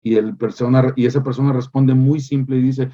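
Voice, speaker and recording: A male pastor delivering a sermon in an emphatic preaching manner, repeating phrases and pausing with hesitant fillers. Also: mid-range voice, steady tone, mellow, dull audio.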